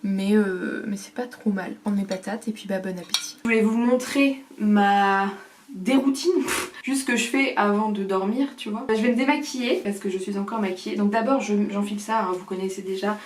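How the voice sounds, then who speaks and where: A woman's voice: mid-range voice, fairly quick, slight background noise. A young woman vlogging casually at home, chatting and joking through her evening skincare routine. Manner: chatty, joking, breaks into snatches of song. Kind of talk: casual vlog chat. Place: home bathroom. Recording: echoey bathroom.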